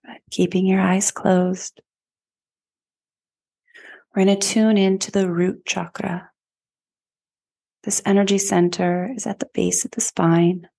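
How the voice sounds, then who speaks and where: A woman podcast host and yoga teacher leading a guided meditation in a slow, soothing, calm way. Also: medium pitch, gravelly.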